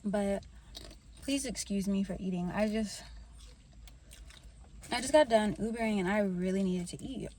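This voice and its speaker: Unhurried woman chatting while snacking. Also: medium pitch, a little hiss or hum. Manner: relaxed, slow and unhurried, talks while snacking. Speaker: vlogger sharing intuitive messages. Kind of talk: casual vlog chat while eating.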